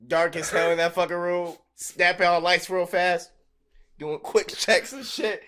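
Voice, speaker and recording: A young man co-hosting a podcast, telling profane, animated stories and acting out scenes in casual chat. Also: high-pitched, measured pace. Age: young adult. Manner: profane, animated storyteller who acts out scenes. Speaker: podcast co-host.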